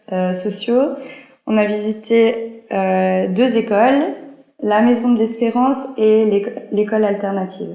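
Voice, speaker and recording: A woman in her twenties, a social work student, giving a hesitant testimonial with many pauses. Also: mid-range voice, warm tone, roomy sound. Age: 20s. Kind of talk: testimonial to camera. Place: in Benin.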